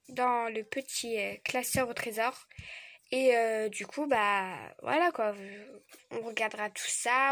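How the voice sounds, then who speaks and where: A young woman chatting casually as she opens trading card packs, stammering and gushing like an excited fan. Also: high-pitched, no room sound, clean studio sound. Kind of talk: casual unboxing vlog chat.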